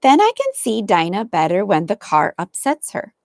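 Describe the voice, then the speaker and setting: A woman's voice: mid-range voice, huge pitch swings, moderate pace, gravelly, a little mellow, no echo, clean studio sound. A woman voicing an eager, whiny little girl twin in a storybook, with a raised, pleading tone.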